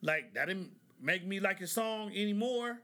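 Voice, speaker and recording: Podcast host, man from Oklahoma, high and bright voice, loose conversational commentary with "right?" asides. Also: lively intonation, moderate pace. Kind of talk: casual commentary.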